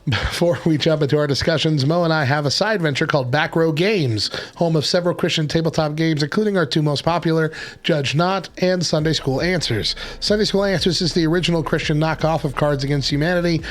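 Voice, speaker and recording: A man with a gravelly, hoarse whiskey voice, recovering from bronchitis, chatting casually as the host of a morning radio show. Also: a little high, fairly quick.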